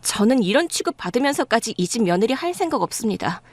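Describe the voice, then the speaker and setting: A defiant young pregnant bride in an audio drama, voiced by a woman. She speaks firmly and indignantly in a high, lively voice. The recording is dry and close. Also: quick pace, no echo. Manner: firm, indignant. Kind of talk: dramatized story dialogue.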